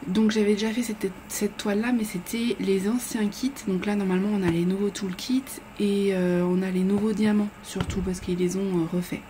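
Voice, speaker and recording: A woman talks casually as she unboxes a craft kit, chatty and rambling, with many small pauses and fillers. Her voice is mellow and of middling pitch. A faint hiss sits under the recording. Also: flat delivery. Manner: chatty, rambling, frequent hesitations. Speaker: vlogger.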